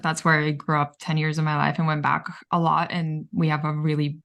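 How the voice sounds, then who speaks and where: A woman from Bulgaria, a podcast guest in casual chat, talking earnestly with a relaxed flow of fillers. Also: sits low, fairly quick, vocal fry. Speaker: podcast guest, business founder.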